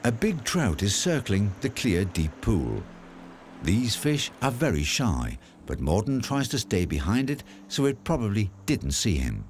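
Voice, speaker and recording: Lively low-voiced male documentary narrator. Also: unhurried, slight background noise. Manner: calm, explanatory.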